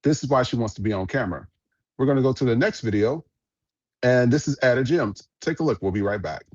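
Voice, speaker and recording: A man hosting a casual podcast, reacting bluntly and profanely to viral clips in a rambling way. His voice sits at a middle pitch and sounds close and dry. The recording is a little dull and lo-fi. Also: expressive, fast talker, darkish tone, no echo. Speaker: podcast host.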